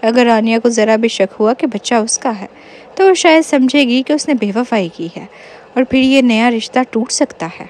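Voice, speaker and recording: A woman narrating a novel in a steady storytelling voice. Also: on the high side, slight background noise.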